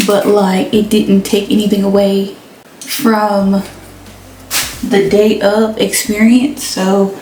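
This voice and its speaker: A young woman vlogger with a mellow, mid-range voice chats casually to her viewers, full of slang and talking straight into the camera. The mic sits at a distance in an echoey room.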